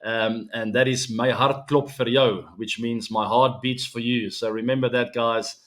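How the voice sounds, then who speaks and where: This is a man in his forties hosting a casual sports show, speaking South African English with an Afrikaans accent. His mid-range voice is unhurried as he chats to viewers in a relaxed way, calling them "guys" and using plenty of fillers.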